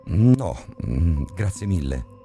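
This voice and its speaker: A jittery, overly polite man stumbles over his words, lifted a little above the narrator's own low voice. He sounds uneasy, trying to keep things civil in a creepy audio story. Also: very animated, slow, dark tone, soft background music, exaggerated voice. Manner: hesitant, polite and stammering. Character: nervous man politely dodging a mad neighbor.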